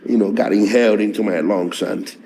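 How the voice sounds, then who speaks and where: Hoarse, gravelly man, low-pitched. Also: fairly even intonation, warm tone, slight background noise. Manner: measured, halting with restarts. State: hoarse, voice strained after tear gas. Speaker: lawyer being interviewed. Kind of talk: interview, recounting events.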